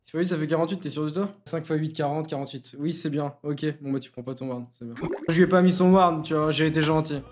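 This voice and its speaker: Un jeune homme administrateur d'un serveur de jeu, parlant de façon familière, argotique et autoritaire, avec des piques moqueuses. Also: male voice, on the high side, quick pace, few pauses, darkish tone. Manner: slangy, bossy, teasing. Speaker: game server admin and YouTuber. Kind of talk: casual Let's Play commentary.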